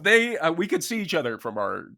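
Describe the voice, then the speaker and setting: A man's voice: fairly high pitch, huge pitch swings, brisk, vocal fry, bright, forceful tone. A man co-hosting a podcast in casual chat, jovially relaying what he has read. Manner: jovial, chuckles through his talk. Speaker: podcast co-host.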